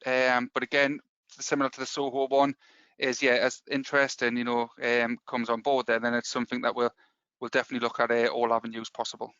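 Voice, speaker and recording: A man with a Geordie accent rattles through a software pitch at a rapid clip, full of "you know" and "obviously". His voice is smooth and clear, but the sound is dry and a bit dull. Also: completely flat delivery, no room sound. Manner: fast, filler-heavy sales talk. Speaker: software company presenter. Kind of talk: webinar product pitch.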